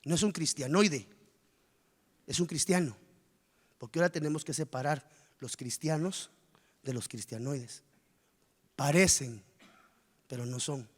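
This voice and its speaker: A male pastor preaching with animated energy, firing rhetorical questions at his congregation. His voice sits high for a man, and the sound carries the long reverb of a church hall. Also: a little slow, pauses often. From Guatemala. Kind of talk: sermon.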